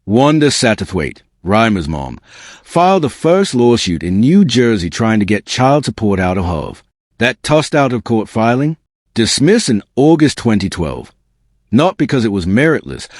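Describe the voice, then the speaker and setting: Male gossip exposé host, smug and sarcastic, deep-leaning voice with lively swings, dry close sound. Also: normal speed, dry recording. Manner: slangy, punchy, dramatic delivery. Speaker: host of a celebrity scandal commentary show. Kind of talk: scripted exposé commentary.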